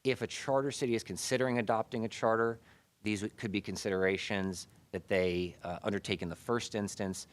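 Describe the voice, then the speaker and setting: An American man, probably in his thirties, gives a formal, measured presentation at a public meeting, his voice muffled by a face mask. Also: fairly low pitch, fairly even intonation. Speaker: city staff presenter reporting to a committee. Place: indoor city committee meeting room.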